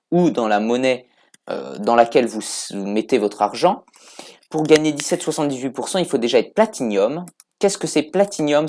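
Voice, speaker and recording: A man's voice: on the high side, mellow. A man casually talking the viewer through an app, step by step, in a chatty tutorial style. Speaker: crypto tutorial host. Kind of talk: casual screen-recorded app walkthrough.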